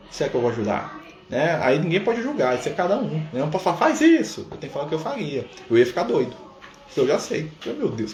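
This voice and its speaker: A man's voice: on the high side, echoey room. A Brazilian man leading a live-streamed spiritist study talk, conversational, often tagging his sentences with a questioning "né?". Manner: conversational, fills pauses with a questioning "né?". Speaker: spiritist study group leader. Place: room at a community center.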